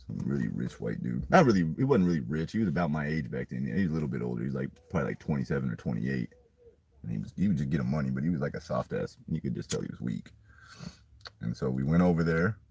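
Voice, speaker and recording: Deep husky-voiced man telling a story. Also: fast talker. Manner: rambling, profane, animated retelling. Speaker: podcast storyteller. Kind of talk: casual storytelling.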